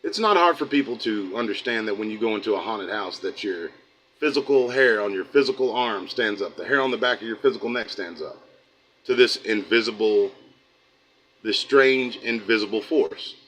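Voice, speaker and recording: On a poor-quality recording with slight background noise, a middle-aged man from the United States talks at a normal speed in a lowish, fairly bright voice. As host of his livestream channel, he reads chat and chats casually with viewers, rambling folksily until he drifts into preaching.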